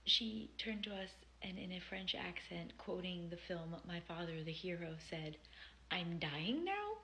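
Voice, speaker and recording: Creaky-voiced woman telling wry stories. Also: on the low side, little pitch movement, moderate pace, sharp tone, slight background noise. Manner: wry, darkly funny, often dropping to a breathy near-whisper. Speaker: vlogger. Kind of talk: casual personal storytelling to camera.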